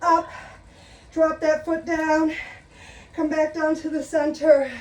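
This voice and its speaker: Talking through the moves while out of breath, a middle-aged exercise instructor leads a live class in a room with a chair, staying chatty and encouraging. She has a high, mellow voice with a level tone and slow pace, picked up by a distant mic in an echoey room.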